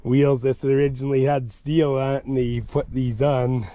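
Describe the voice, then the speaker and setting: Walking around a farm auction outdoors, a man who vlogs about tractors talks plainly, thinking aloud and frequently restarting his sentences. His mid-range voice is dark and level at normal speed, with no echo, recorded on a wide-angle camera held in hand.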